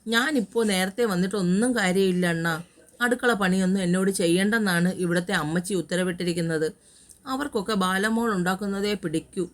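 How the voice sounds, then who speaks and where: A woman's voice: mid-range voice, fairly quick, natural voice. A woman voicing a resentful middle-aged house servant who speaks sarcastically in an audio story. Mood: sarcastic.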